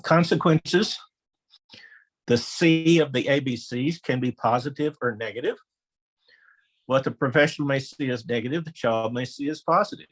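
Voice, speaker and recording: A man's voice: normal speed, rough recording. A middle-aged man, a former elementary principal, presenting a conversational training webinar and acting out quoted voices in anecdotes. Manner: anecdotal, acts out quoted voices with raised pitch.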